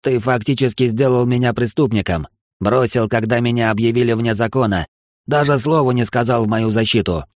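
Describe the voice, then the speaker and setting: A man's voice: medium pitch, fairly quick, darkish tone, dry recording, clean studio sound, lightly acted. A man voicing Eltmar, a sneering alien outlaw. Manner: sneering, mocking. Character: bitter spiteful alien male outlaw officer with tail spikes. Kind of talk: audiobook character voice.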